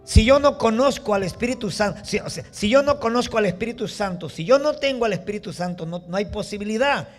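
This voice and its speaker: A middle-aged Peruvian man preaching a sermon, telling a personal story with lively acted-out voices and exclamations. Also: high-pitched, fairly quick, few pauses, soft background music. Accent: Peruvian Spanish. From Peru. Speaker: pastor.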